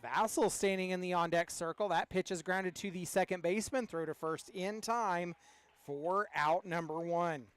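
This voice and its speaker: A man's voice: high-pitched, moderate pace, clean tone, no room sound. A man giving live play-by-play commentary as a baseball announcer.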